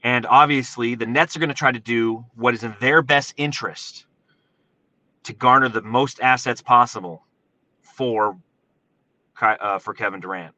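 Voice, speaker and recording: An American man delivers casual live sports commentary from inside a parked truck. His medium-pitched voice is bright and forceful. He sounds animated and informal, hitting key words with emphasis like an enthusiastic podcast host. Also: normal speed, long pauses, rough recording. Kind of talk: excited solo sports commentary, casual livestream.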